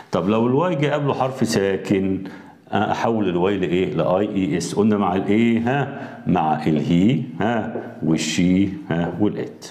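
Egyptian male teacher, low voice, quizzes the class and answers himself, spells out English examples, echoey room. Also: mellow. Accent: Egyptian Arabic. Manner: asks quiz questions and answers them himself; spells out English words slowly. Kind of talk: grammar lesson.

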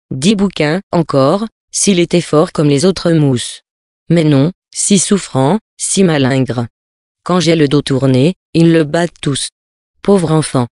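A man's voice: a little high, darkish tone, no echo, studio quality. Man reading a sea story aloud. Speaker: reader.

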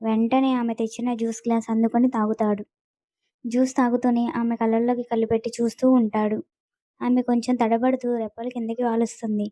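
A woman narrating a romance story at an even, steady pace. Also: on the high side, dry recording.

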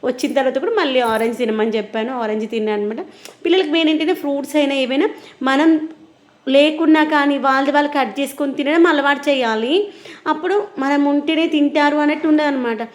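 Fast-talking, high-pitched woman. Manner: explanatory, conversational. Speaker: vlogger and mother. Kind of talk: casual chat to viewers.

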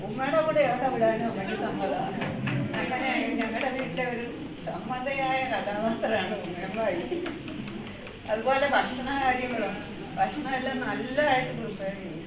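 A woman speaks fondly about a relative at a family celebration. Her voice is somewhat high and distant from the microphone. Heavy hall echo and crowd noise surround her. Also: normal speed. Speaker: guest speaker. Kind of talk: celebration speech. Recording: echoey hall, far from the mic, crowd.

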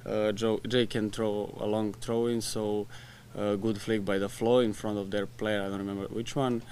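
At a post-match press conference, a young soccer player answers reporters from a press room in front of a sponsor backdrop. He speaks in plain, halting fragments, restarting phrases and laughing softly now and then, in a low, flat voice. The desk mic in front of him picks up a faint room hum.

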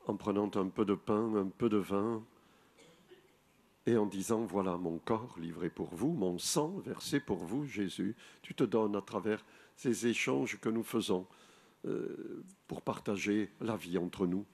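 A man in his sixties, a priest, leading the rosary and a spoken meditation in slow, measured recitation at an outdoor grotto, speaking into a lectern mic. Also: lowish voice, a little mellow, slightly rough. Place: outdoor rock grotto shrine. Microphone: boom mic on a lectern.

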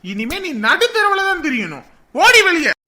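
A woman voicing an angry, bullying middle-aged husband and father who scolds, threatens and shouts. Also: high-pitched, big pitch swings, normal speed, heavy background noise. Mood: scolding. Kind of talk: dramatic story voice acting.

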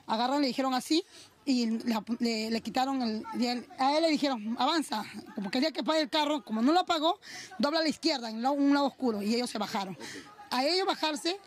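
A woman giving a halting eyewitness account on the street, restarting and repeating her words. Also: high voice. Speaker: eyewitness interviewee. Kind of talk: spontaneous street testimony.

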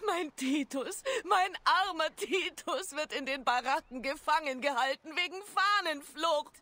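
A woman's voice: high voice, a little slow, sharp tone. A woman voicing a desperate mother who pleads for her son in a German game dub. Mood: pleading.

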